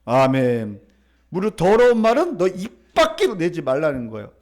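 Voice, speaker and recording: High-voiced man preaching a sermon. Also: huge pitch swings, normal speed, darkish tone. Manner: preaching with emphatic repetition and leading the congregation in reading. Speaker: pastor. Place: church sanctuary.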